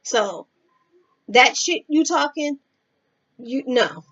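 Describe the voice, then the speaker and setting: A woman's voice: sits high, very animated, extremely slow, a bit bright. A woman giving blunt, profane advice in a casual vlog, talking straight to the viewer. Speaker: vlogger. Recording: dull lo-fi sound.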